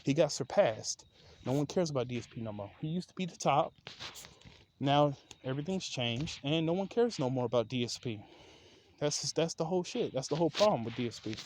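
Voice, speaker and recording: A man's voice: a little high, animated, a little fast. A man in a casual, unscripted and escalating comedic rant, blunt, slangy and repetitive, swearing heavily as he hammers his points. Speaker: online commentator. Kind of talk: casual unscripted ranting monologue, profanity-laced. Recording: clear background noise with clicks.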